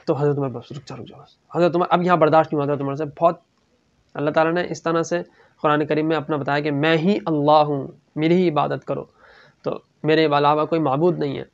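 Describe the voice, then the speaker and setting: A man giving a religious lecture, telling stories and reciting scripture, sometimes dropping to a hush for quoted voices. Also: fairly high pitch, level tone, lo-fi sound. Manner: storytelling, acts out quoted voices, drops to hushed tones. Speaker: Islamic speaker.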